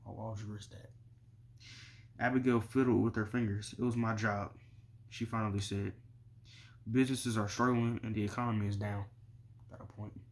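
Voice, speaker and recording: A man with a fairly low voice reads a novel chapter aloud. He keeps a plain, steady delivery and barely changes his voice between characters. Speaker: audiobook reader.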